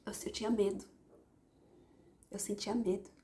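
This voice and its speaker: A Brazilian Portuguese-accented woman telling a personal story in a halting, reflective way, often stopping to search for words. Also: medium pitch, little pitch movement, mellow. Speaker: vlogger.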